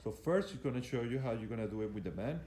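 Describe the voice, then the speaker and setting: With a warm, medium-pitched voice that is expressive and quick, a man coaching fitness talks through exercises live as they are demonstrated, though hesitantly and with lots of repetition. He films on a handheld camera in an indoor gym, and the recording is echoey with faint background noise.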